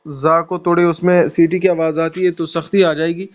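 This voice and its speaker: A man's voice: on the high side, level tone, dull audio, slight background noise. A man teaching Quran recitation in an online class, patiently correcting pronunciation step by step. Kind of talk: online tajweed lesson. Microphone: video call.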